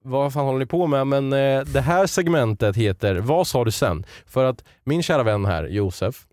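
A man's voice: mid-range voice, animated, darkish tone, dry recording, studio quality. A young man co-hosting a Swedish podcast, chatting casually and loosely with lots of fillers. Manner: loose, filler-heavy, joking. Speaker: podcast co-host running a segment.

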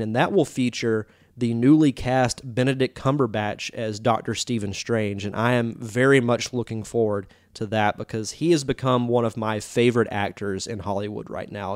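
A man with a medium-pitched voice delivers a casual podcast monologue as host, chatty and enthusiastic with lots of fillers despite being congested and having a sore throat. The sound is clean studio quality with no room echo.

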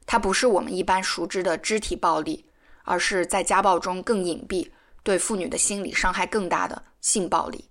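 A woman narrating a documentary podcast, telling a case calmly in a scripted way. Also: on the low side, normal speed.

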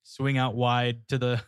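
A man talking casually on a sports podcast, prone to laughter and restarts. His voice sits at an everyday pitch. The sound is dry and close, with no room around it. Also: dry recording. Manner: chatty, laughs often, repeats words. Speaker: podcast co-host.

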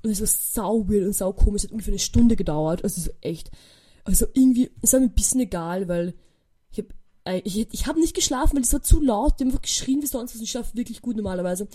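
Fast-talking young woman, mellow voice. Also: medium pitch, breathy edge. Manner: animated, acts out quoted dialogue, chatty with many fillers. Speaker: podcast host. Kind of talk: casual storytelling monologue.

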